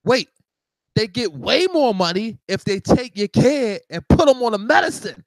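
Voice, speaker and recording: Show host, male, high bouncy voice, animated rant, close dry mic. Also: moderate pace, gravelly, dry recording, poor audio. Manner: animated ranting with laughs and repeated restarts. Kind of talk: live talk show monologue.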